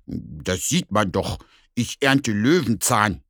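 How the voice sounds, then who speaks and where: A man voicing a grumpy but good-natured bear in a children's story, with a slow, grumbling manner. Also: on the low side, lively intonation, a bit bright, dry recording, studio quality, heavily acted.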